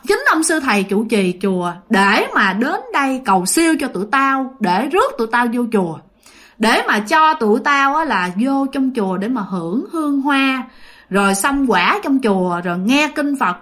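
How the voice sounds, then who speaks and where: A woman voicing an angry, hungry male ghost of dead soldiers who speaks through a possessed woman and makes loud threats. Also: sits high.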